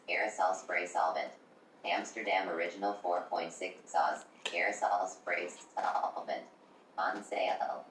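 A female text-to-speech robot voice reading product listings aloud in a flat, machine-like way. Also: rumbling low, a little hiss or hum. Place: room where a computer plays it aloud. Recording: roomy, distant playback from a device.

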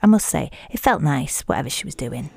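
A woman's voice: low-pitched, lively intonation, a little fast, gravelly, a little mellow. A woman with a Yorkshire accent narrating a detective audio drama in a dry, self-mocking way.

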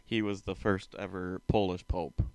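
A man's voice: sits low, flat delivery, moderate pace, darkish tone, dry recording. A man co-hosting a casual podcast chat, joking and laughing often. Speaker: podcast co-host.

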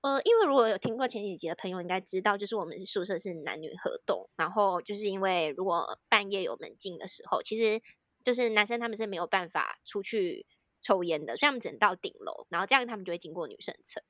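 Fast-talking young Taiwanese woman, dry sound. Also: mid-range voice, animated, fairly bright tone, no room sound. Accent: Taiwanese Mandarin. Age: young adult. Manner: chatty, strings sentences with constant fillers. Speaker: podcast co-host, student in Korea. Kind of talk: casual storytelling chat.

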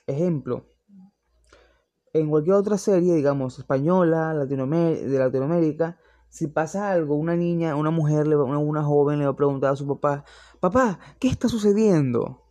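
Young man, higher-pitched, warm and soft tone; casual, opinionated, rambling reviewer. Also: normal speed. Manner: rambling, opinionated, with frequent restarts. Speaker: series reviewer. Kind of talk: casual chat.

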